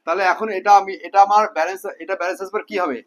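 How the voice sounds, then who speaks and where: A man's voice: high-pitched, fairly even intonation, quick pace. A man teaching a class in a classroom, firing questions at his students and repeating key terms, mixing in English and Hindi. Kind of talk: classroom lecture with student call-and-response.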